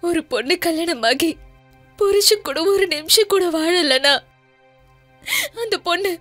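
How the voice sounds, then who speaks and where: A frightened young wife who sobs and begs between her sentences. Her voice is very high, with faint music underneath. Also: lively intonation, slow pace, fairly bright tone, no echo, heavily acted. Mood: pleading. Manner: pleading, sobbing. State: crying. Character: desperate young married woman, tearful.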